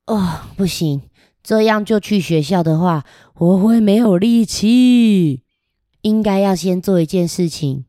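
A boastful, giggly little boy heading off to kindergarten, voiced by a woman reading a picture book aloud. He chats playfully and directly with the children listening. The voice sits at a middle pitch, and the sound is close and dry. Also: clear, resonant tone, no room sound, natural voice. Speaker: storybook reader.

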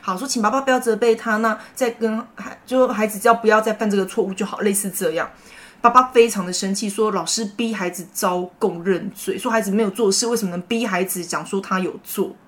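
A woman's voice: mid-range voice, fairly quick. A middle-aged woman with a Taiwanese Mandarin accent, a teacher and mother co-hosting a chat podcast, telling stories animatedly and laughing often. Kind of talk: casual chat.

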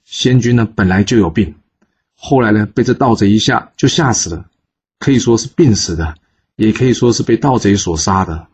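A man's voice: on the low side, moderate pace, a little mellow, slightly rough, lo-fi sound. A man voicing a flustered, scheming ancient minister who speaks nervously and placatingly.

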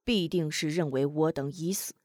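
A woman voicing a calm, cautious male elder sworn brother in a martial-arts audiobook, speaking low and hushed. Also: normal speed, no echo, studio quality, natural voice.

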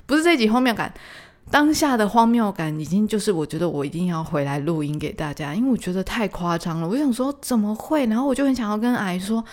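Lively woman telling a funny story. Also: mid-range voice, quick pace. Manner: animated, quoting others in lively bursts; laughs while recounting. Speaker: podcast host. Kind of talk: casual storytelling monologue.

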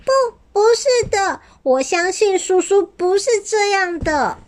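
Storybook: woman reading a gentle little dinosaur child, high-pitched and pleading. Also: animated, a little slow. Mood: tender. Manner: pleading, stammering.

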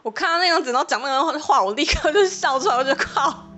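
A woman's voice: high-pitched, expressive, fast talker, fairly bright tone, soft background music. A young adult woman hosting a podcast, telling a personal story in a rambling, chatty way with many fillers, flaring up when she recounts quarrels. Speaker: podcast host.

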